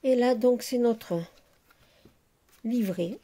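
A middle-aged woman hosting a casual crafting video, chatty and unhurried with many fillers as she shows her handmade work. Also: fairly high pitch, dark tone. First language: French. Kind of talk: casual crafting show-and-tell.

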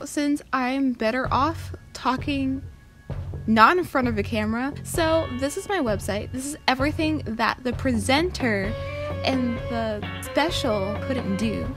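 A young woman in a casual, playful voice-over, mocking herself and dropping into hushed asides. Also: high voice, poor audio. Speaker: vlogger. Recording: voice over clear background music.

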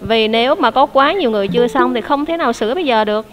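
A woman teacher leads an online English lesson. Her voice sits a little high, and she explains each answer patiently, checking with questions. A faint hum of the room sits under her speech. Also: animated, rapid-fire.

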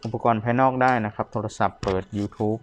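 A man with a fairly low voice talks politely as a seller in a casual product demonstration. There is faint noise behind him. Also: fairly even intonation, fairly quick. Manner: polite, ends most phrases with courtesy particles. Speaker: seller demonstrating secondhand audio equipment.

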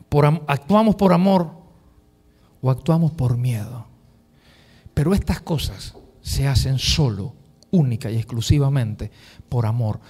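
A male pastor preaching a sermon, telling the story with lively acted-out voices and dropping to a hushed near-whisper for emphasis. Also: medium pitch, slightly rough. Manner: animated storytelling, acting out quoted voices.

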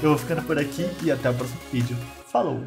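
Excitable Brazilian gamer commenting play. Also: male voice, on the high side, gravelly, loud music behind the voice. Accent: Brazilian Portuguese. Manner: excitable, quick to exclaim and laugh at his own game. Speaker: gaming video host. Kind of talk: casual gameplay commentary.

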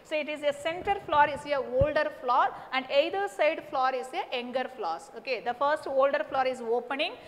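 A woman teacher with a South Indian Tamil accent, a native Tamil speaker, explains at a very rapid pace, switching between English and Tamil. She repeats terms with emphasis and checks in often. The room rings with long echo, and there is clear noise behind her. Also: high voice, a bit bright. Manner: repetitive, emphatic explaining with frequent check-in words. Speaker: botany teacher. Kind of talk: classroom lesson mixing English and Tamil. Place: indoor teaching studio beside a display board. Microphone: lapel mic.

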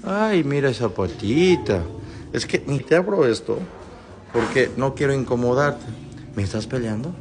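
A man's voice: medium pitch, animated, normal speed. A man, an animal rescuer, talks to his viewers and coos affectionately at dogs in a vlog. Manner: affectionate baby talk to animals. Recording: noisy background with dogs. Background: dogs, clicks.

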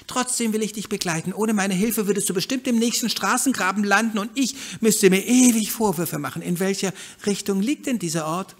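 A man's voice: high voice, fairly quick, hardly any pauses, pitched above the performer's own voice. A man doing a fussy, pedantic lame duck. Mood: sighing. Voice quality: raised, fussy and prim. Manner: pedantic, cautious, long-winded. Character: lame, cautious duck on a walking stick, fussy and slow.

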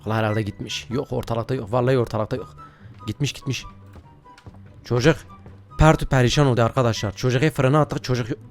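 A rowdy man talks his way through a video game, scolding and joking in loud bursts. His voice sits at an ordinary middle pitch, and faint game music plays underneath. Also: steady tone, a little fast, pauses often. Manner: rowdy, playfully scolding, bursts of shouting and laughter. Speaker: gaming YouTuber. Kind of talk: casual gameplay commentary.

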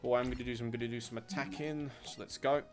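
A man's voice: mid-range voice, steady tone, fast talker, music in the background. A man giving casual, muttering gameplay commentary, with exasperated asides as he plays. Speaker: gamer doing a let's play.

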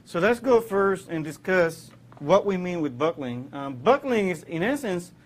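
A man's voice: sits high, big pitch swings, measured pace. A man from Puerto Rico, in his thirties, giving a classroom engineering lecture, explaining with many fillers and restarts. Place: lecture hall.

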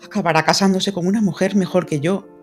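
A woman's voice: fairly low pitch, fairly even intonation, fast talker, a little mellow, faint music behind, pitched above the performer's own voice, natural voice. A woman reading a poised, spirited young heroine. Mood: composed. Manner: composed, polite, firm. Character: spirited independent young woman, gently refusing. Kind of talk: audiobook character reading.

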